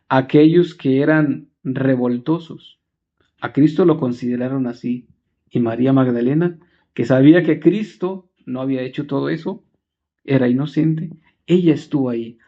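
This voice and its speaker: A man, a priest, preaching a homily from the pulpit in short, earnest phrases and slowing down to stress key words. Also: medium pitch. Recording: dull lo-fi recording.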